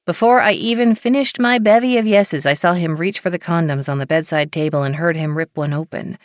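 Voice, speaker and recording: A woman narrating a first-person romance audiobook in an intimate, measured reading. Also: low voice, no echo.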